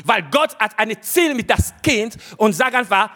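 Over soft background music, a man preaches in a high, animated voice that is a little slow, pushed and bright. He talks directly to his listeners and keeps hammering short exhortations.

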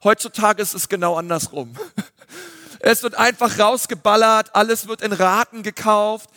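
A man, a pastor giving a lively sermon full of fillers. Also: high voice, moderate pace, no room sound, studio quality, long reverb tail. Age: 30s. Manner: lively preaching with filler words.

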